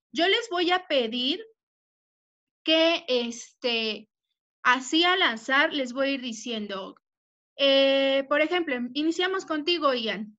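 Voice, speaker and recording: A high, bright-toned young woman teaching children over a video call. She talks slowly and patiently, spells out words and keeps asking if everyone follows. The audio is dull and lo-fi, like a computer mic. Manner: affectionate with pupils. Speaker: primary school teacher. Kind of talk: online class instruction.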